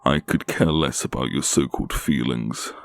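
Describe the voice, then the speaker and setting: A man's voice: a bass voice, normal speed, gravelly. A man voicing a young female captive in a scary story, frantic and defiant, pleading or angry.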